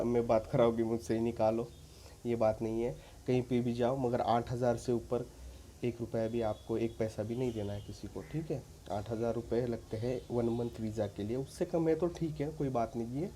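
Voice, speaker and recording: Man vlogger, warm mellow voice, chatty and insistent, faint hiss behind. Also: medium pitch. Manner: informal, repeats "ठीक है" as a tag, frequent restarts; earnest and insistent, addresses viewers as friends. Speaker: vlogger giving visa advice. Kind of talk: casual advice talk to camera.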